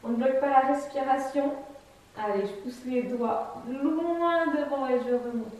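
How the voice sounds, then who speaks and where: A fitness instructor in her thirties leads a guided chair exercise class, calmly cueing step by step while demonstrating, in a high voice at a slightly slow pace. She's in a bright, empty room with a wooden floor, picked up by a distant camera mic, so the sound is echoey and far off.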